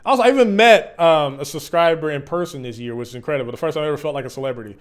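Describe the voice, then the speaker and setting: Mid 20s guy, kinda higher voice, just talking honest to his subscribers, reflective n halting, lots of slang, unscripted. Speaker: YouTube content creator. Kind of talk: candid, unscripted personal vlog.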